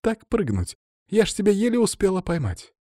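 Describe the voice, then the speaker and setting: A man's voice: fairly high pitch, wildly swooping pitch, fairly quick, no room sound, clean studio sound, pitched above the performer's own voice. A man voicing a cheeky teenage girl who giggles and teases in a storybook reading. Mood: teasing. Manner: giggly, teasing.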